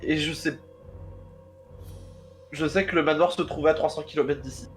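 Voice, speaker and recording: A man's voice: fairly high pitch, steady tone, moderate pace, soft background music, natural voice. A man voicing a bewildered woman from London who insists she is a victim, talking in a stumbling, defensive way in a tabletop game. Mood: confused.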